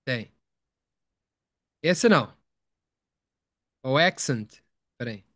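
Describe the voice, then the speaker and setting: A man's voice: mid-range voice, animated, very slow, a bit bright, no room sound, studio quality. A man teaching English in a live online lesson, explaining patiently, repeating words and asking his students questions.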